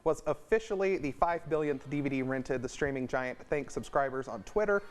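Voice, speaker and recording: A man's voice: medium pitch, brisk. A man anchoring a local morning news show, joking easily with his co-host. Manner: joking, easygoing.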